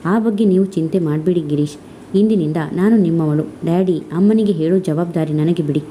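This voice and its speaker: A woman's voice: fairly low pitch, normal speed, dark tone, slight background noise, natural voice. A woman voicing an intense, lovesick young woman who speaks in an emotional, pleading way. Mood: tender.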